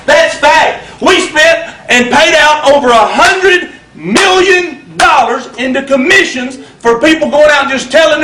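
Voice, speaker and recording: A man giving a funny, folksy motivational talk on stage to a live audience. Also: extremely high pitch. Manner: folksy, drawling storyteller with punchlines. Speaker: motivational speaker. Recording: roomy hall, distant mic, loud noise.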